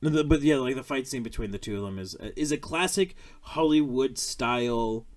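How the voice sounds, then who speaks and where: A man's voice: medium pitch, normal speed. A man hosting a podcast, chatting casually about a film, rambling with lots of fillers, restarts and swearing. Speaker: podcast host.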